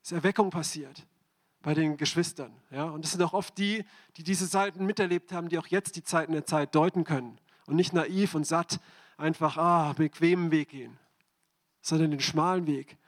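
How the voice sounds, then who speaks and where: A man's voice: on the high side, normal speed. A man preaching a sermon, speaking directly to the congregation and asking them repeated questions.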